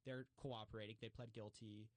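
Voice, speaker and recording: A man talking casually and explaining at length, animated, with frequent fillers and restarts. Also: fairly low pitch, brisk, dry recording.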